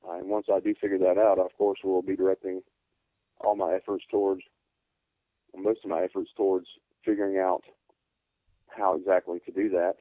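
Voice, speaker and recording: A man in a conversational interview, speaking politely and haltingly in formal, measured phrasing. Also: sits low, little pitch movement, no room sound. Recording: narrow phone-like radio sound.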